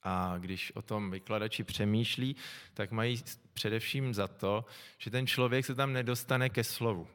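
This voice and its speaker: A middle-aged man preaching a sermon, calm and reflective, often pausing to think aloud. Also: lowish voice. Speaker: pastor. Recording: long echo from a large hall.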